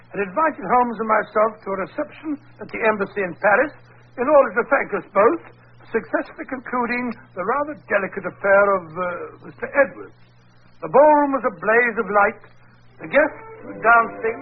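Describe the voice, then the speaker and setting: An actor playing a genial older English doctor, bluff and easily flustered, in 1940s radio drama style. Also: male voice, high-pitched, breathy edge. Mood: bluff, admiring. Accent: British. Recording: muffled, tinny old 1940s radio recording.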